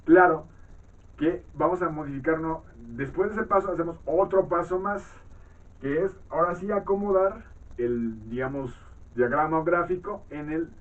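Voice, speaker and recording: A man teaching English vowel sounds in a halting classroom manner, often clearing his throat and checking in with his students. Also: on the high side. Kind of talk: classroom-style lesson explaining vowel sounds. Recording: tinny phone-like sound from far off the mic.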